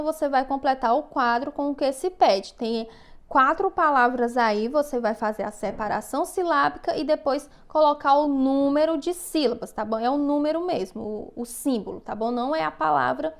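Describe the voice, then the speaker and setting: Patient high-voiced Brazilian teacher. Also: female voice. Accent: Brazilian Portuguese. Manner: patient, slow dictation with frequent "tá bom?" checks. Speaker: first-grade teacher. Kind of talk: recorded remote class instructions.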